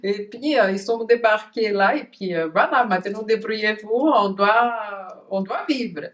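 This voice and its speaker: A woman who is a mother, hosting a conversational interview, talking in an earnest, halting way with frequent restarts. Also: mid-range voice. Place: lives in Switzerland. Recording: voice somewhat distant from the mic.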